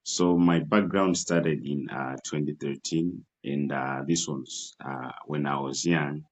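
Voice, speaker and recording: Very deep-voiced man from Malawi. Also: fairly even intonation. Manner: halting, many fillers and restarts. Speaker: entrepreneur guest. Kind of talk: interview answers.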